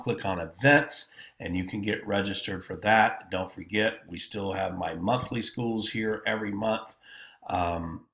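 A middle-aged man in a small office chats loosely to a desk webcam about a product for his students. His voice sits low with a gravelly fry, and he rambles folksily, filling gaps with ums. The sound bounces around the room. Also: fairly bright tone, roomy sound. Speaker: pressure washing instructor. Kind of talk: casual product talk to camera.

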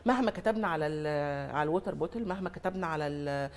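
A woman's voice: low voice, quick pace, a little hiss or hum. A woman with an Egyptian Arabic accent, a mother and influencer on a talk show, chatting comically and mimicking other mothers. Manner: animated storyteller, mimics other mothers, laughs often. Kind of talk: comic casual chat.

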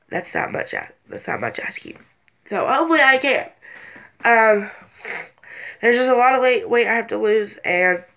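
Chatting casually to camera in a small bedroom, this almost-18 vlogger rambles hesitantly and loses focus easily. Her sinuses sound congested, and her mid-pitched voice is gravelly with a slightly bright edge.

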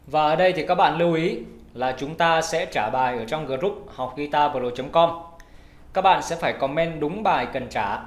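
A man's voice: medium pitch, reverberant. A man giving an online music theory lesson, explaining patiently and going through items step by step.

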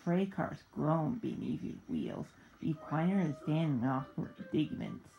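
A woman narrating a children's train story, reading in a halting, stumbling way. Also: low-pitched, vocal fry, highs cut off.

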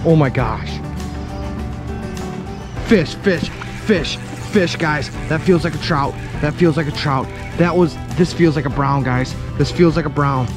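A young man hosting a fishing vlog from a small boat outdoors, talking excitedly to viewers. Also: a little high, a little slow, over music. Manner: excitable, shouts and laughs when a fish bites. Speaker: fishing channel host. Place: small boat on a river below a dam, outdoors.

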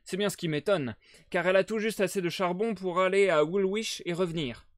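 A man voicing a vigorous, worried boatman's wife and mother, in a loud, high, pleading voice. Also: a little fast, no room sound, clean studio sound, lightly acted.

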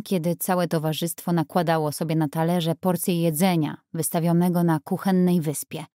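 A woman narrates a first-person audiobook in a measured, even way. Her voice sits a little low. It is recorded close on a studio mic with a dry, dead sound. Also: no room sound.

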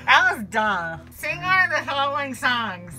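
A woman's voice: sits high, very animated, moderate pace, pushed and bright. A woman in her thirties chatting and joking through a game, giggly, with her words slurred by a mouth held propped open. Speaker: vlog host. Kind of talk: casual joking chat during a challenge game. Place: small indoor space, RV. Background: music.

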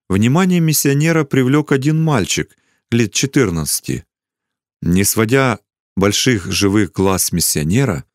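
Low-voiced man reading a children's story. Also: no room sound, studio quality. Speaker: narrator.

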